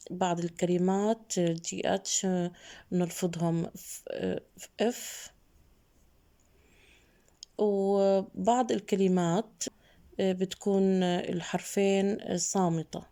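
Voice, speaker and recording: A woman English teacher, giving a slow classroom lesson for young pupils and explaining in between the English words. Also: fairly low pitch, mellow. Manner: very slow, deliberate English, faster Arabic asides.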